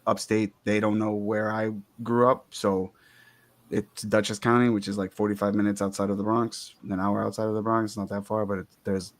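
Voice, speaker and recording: A man's voice: fairly low pitch, no echo. A man with a New York accent, co-hosting a podcast in chatty, casual conversation. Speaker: podcast co-host.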